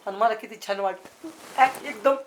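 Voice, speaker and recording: A man's voice: high-pitched, normal speed, slight background noise, close to an everyday voice. An actor playing a brash lovesick young village man, boastful and full of rustic banter. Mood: sweet-talking. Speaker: lovesick suitor. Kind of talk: village comedy acting.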